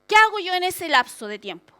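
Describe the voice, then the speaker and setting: A woman pastor preaching a lively sermon, acting out prayers and complaints with humorous asides. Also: very high voice, fairly quick.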